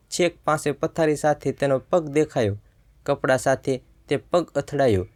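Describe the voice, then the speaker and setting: Male storyteller with a mid-pitched voice. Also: a little mellow. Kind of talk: first-person story narration.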